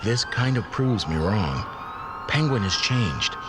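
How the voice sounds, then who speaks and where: Man playing lowish, steady police commissioner. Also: slow pace, heavy background noise. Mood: dry, satisfied. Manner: calm, matter-of-fact. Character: steady, dry middle-aged male police commissioner. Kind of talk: audio drama acting.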